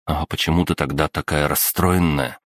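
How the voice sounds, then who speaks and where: A man's voice: extremely low pitch, steady tone, normal speed, dry recording, studio quality. A man reading an audiobook voices an impulsive teenage boy who speaks in an earnest, exclamatory way.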